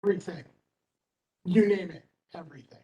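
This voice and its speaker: A man's voice: high voice, brisk, mellow. A man who is a library director, talking in an enthusiastic, talkative way at a meeting and over a video call, often breaking off his phrases. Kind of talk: meeting discussion. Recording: distant mic with faint noise.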